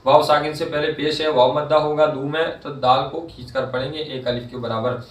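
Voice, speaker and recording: A male Quran reading teacher, explaining the rules and reciting each word slowly and drawn out. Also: a little high, steady tone. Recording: roomy echo, mic at a distance.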